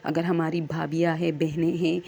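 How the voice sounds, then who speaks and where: A woman tells true horror stories in a relaxed, unscripted way. She talks slowly and hesitates often, filling the pauses. Her voice is low, mellow and gravelly. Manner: hesitant, many fillers and pauses. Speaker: storyteller. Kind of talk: casual spoken storytelling.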